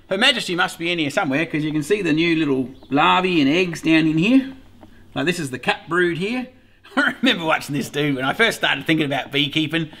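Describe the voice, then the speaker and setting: Australian bloke, middle-aged, casual beekeeping vlogger, bright voice, lively up-and-down delivery, swears freely. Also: male voice, on the high side, slight background noise. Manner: chatty, cheerfully profane, rambles with frequent laughs. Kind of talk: casual rambling vlog talk. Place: by an observation hive.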